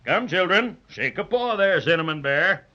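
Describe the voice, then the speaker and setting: Lively, bright old Santa Claus. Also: male voice, sits high, normal speed, soft background music. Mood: jolly, kindly. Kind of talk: 1930s radio drama acting. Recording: dull lo-fi 1930s radio recording.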